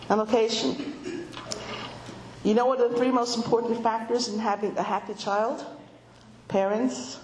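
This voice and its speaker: A middle-aged woman giving an informal talk to women, telling stories with animation and voicing children in a high pitch. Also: a little mellow. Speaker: speaker addressing a women's audience. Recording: echoey room with faint noise.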